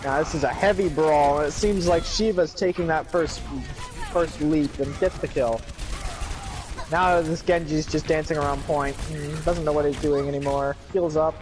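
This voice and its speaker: A man giving live play-by-play commentary on an esports match, with excited calls and joking asides. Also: on the high side, normal speed, noisy background. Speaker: esports caster.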